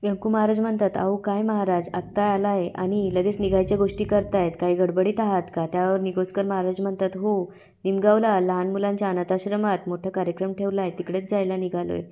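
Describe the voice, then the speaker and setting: A woman narrating a recap of a TV serial episode, reading the characters' lines aloud with lively emphasis. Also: medium pitch, a little fast. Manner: reads quoted dialogue with lively emphasis. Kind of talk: storytelling recap with voiced quotes.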